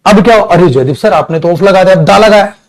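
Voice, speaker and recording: A man's voice: high voice, fairly quick, rough recording. A man with an Indian accent teaching English grammar, explaining through repeated examples and acting out small dialogues, addressing students as "beta". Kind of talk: classroom lecture.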